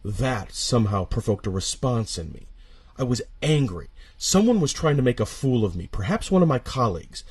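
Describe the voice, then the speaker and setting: In a dry recording, a man tells a first-person horror tale with dramatic suspense. His mid-range voice is sing-song and slightly rough, and he paces it in a measured way, moving between hushed dips and intense surges.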